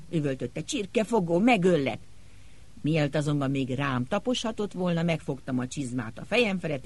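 Male audiobook narrator, husky voice, animated pitch, dramatic reading. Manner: dramatic, expressive storytelling.

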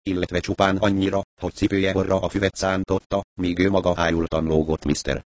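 A man narrating an audiobook in a wry, steady first-person telling. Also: deep voice, no echo.

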